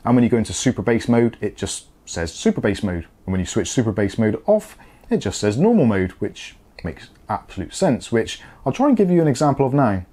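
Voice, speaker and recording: A British man in his forties gives a casual, conversational product review to camera in a small indoor home studio, explaining things as he goes. His medium-pitched voice is mellow with a breathy edge, very animated and brisk.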